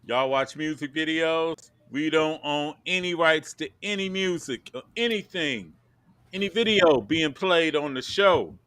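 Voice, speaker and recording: A man's voice: on the high side, lively intonation, a little slow, sharp tone. A man hosting a casual podcast chat over a video call. He is laid-back and repeats his phrases. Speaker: host.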